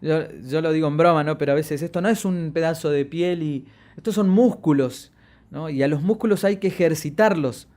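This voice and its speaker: Stretching key words for emphasis, a male voice coach gives a lecture on voice projection. He works his pitch and loudness deliberately, in an expressive, media-trained style.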